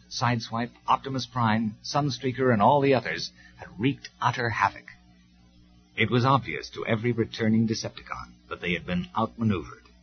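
A man from the UK narrating a story from an audio cassette in a dramatic, measured way. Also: fairly low pitch. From United Kingdom. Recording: dull lo-fi cassette recording with faint music.

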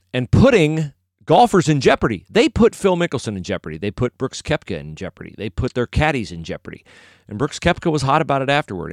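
A man's voice: fairly low pitch, dry recording, studio quality. A middle-aged man giving casual, opinionated solo sports commentary, rambling and correcting himself as he goes.

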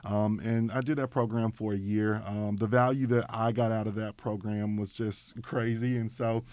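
A man's voice: fairly low pitch, flat delivery, normal speed, a little mellow. A young man with an Arkansas accent talking casually and enthusiastically as an interview guest. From Arkansas, United States. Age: young adult. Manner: enthusiastic, informal. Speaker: interview guest, nonprofit program director.

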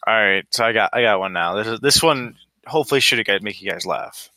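A man telling a long joke in a casual podcast chat in a steady, low-key way. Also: a little fast, dry recording. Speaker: podcast co-host.

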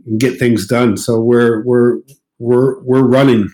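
A man in his sixties from Morocco with a mid-American-sounding accent, a guest in a casual interview at his countryside home, talking in a relaxed, hesitant way with many fillers. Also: medium pitch, slow, low-quality recording. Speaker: guest car designer.

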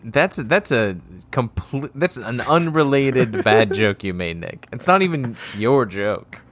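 A man co-hosting a casual comedic podcast, deliberately keeping his voice quiet and subdued for a late-night recording. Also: medium pitch, lively intonation. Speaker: podcast co-host.

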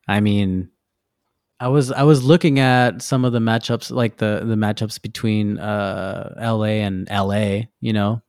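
A man's voice: on the low side, fairly even intonation, takes it slowly, darkish tone, no room sound, studio quality. A man who works as a tattoo artist, a guest on a podcast, talking casually and rambling with loose, restarting sentences. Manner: loose and rambling, many fillers and restarts, laughs easily. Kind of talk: casual interview chat.

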